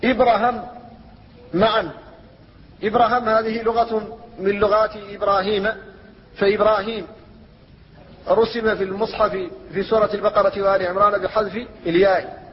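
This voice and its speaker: A man with a high, flat voice lectures in a measured teaching manner, slowing down to chant quoted verses. The recording is dull and lo-fi, with a long reverb trailing through a large hall. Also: a little hiss or hum. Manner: measured explanatory teaching, slows to recite verses. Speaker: Islamic scholar teaching Quran recitation rules.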